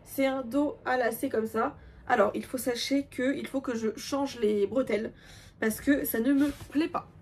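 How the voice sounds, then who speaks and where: A woman's voice: high voice, steady tone, moderate pace, a little mellow, breathy edge. A young woman in casual chat, showing her crochet projects with self-mocking asides and many fillers. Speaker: crochet vlogger.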